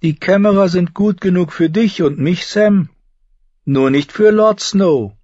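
A man voicing a boastful, mocking young male recruit, sneering and loud in an audiobook. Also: high voice, measured pace, dry recording, voice pushed up. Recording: slightly dull recording.

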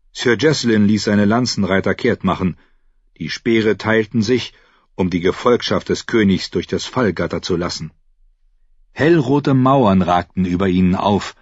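Husky low-voiced male audiobook narrator. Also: no echo. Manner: measured storytelling. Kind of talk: scripted narration. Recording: dull, dry audiobook recording.

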